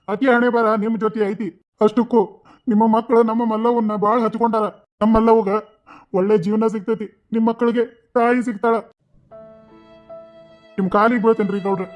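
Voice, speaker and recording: A man's voice: very high-pitched, dull audio. A man voicing a poor village father who earnestly begs for help in a cartoon story. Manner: begging, earnest.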